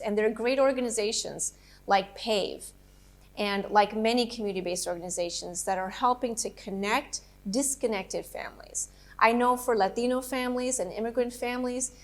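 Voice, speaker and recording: A middle-aged woman from Colombia, a political candidate, answering interview questions in an earnest, steady, policy-focused way. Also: mid-range voice.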